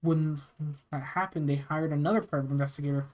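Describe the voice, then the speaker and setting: Horror story narrator from the US, mid-pitched, halting read with repeated phrases and casual delivery. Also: steady tone, a little mellow. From United States. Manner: halting reading, often stumbling and repeating phrases. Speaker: narrator reading scary stories. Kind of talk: reading a first-person horror story aloud, with casual asides.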